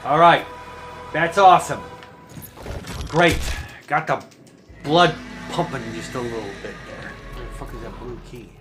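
A man giving comedic commentary while playing a shooter, excitable and cursing at the enemies. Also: medium pitch, a little slow, pauses often. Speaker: gameplay commentator. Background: game music.

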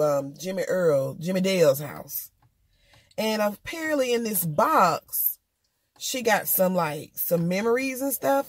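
With a fairly low voice and no echo, a woman recaps a TV episode for her viewers. As a reviewer, she talks in a casual, slangy way and speaks candidly straight to her audience.

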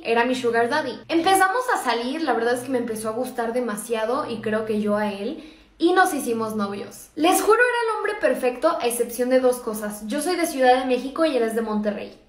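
A young Mexican woman chatting in slangy, casual vlog style while doing her makeup. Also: on the high side. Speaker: vlogger. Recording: echoey room.

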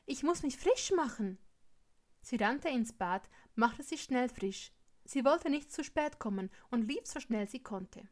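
A woman reading fan fiction aloud in steady, plain storytelling. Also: a little high, unhurried. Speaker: reader.

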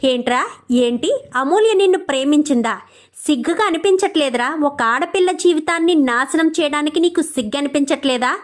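A woman's voice: high voice, natural voice. A woman reading the lines of an angry young wife scolding her brother in a TV serial recap. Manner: fierce, scolding.

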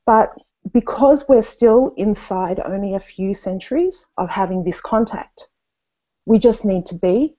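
Warm, expressive and unhurried, the mid-range voice belongs to a Tongan woman in her thirties taking part in a video call panel. Sitting at a desk in a small indoor room, she discusses things thoughtfully and earnestly, with lots of fillers and restarts. The audio, through webcam and earphones, is dull and lo-fi.

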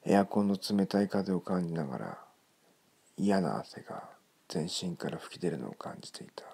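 A man narrates a creepy ghost story in a hushed tone. His voice is low and gravelly, with a crackle of fry and a breathy huskiness that often sinks close to a whisper. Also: animated, moderate pace.

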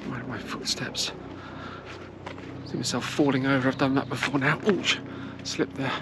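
This travel vlogger, a middle-aged woman, has a rumbling low voice with fairly even intonation and a moderate pace. She talks slowly and hesitates often while narrating a walk through castle ruins, holding her camera at arm's length as outdoor sounds carry in behind her.

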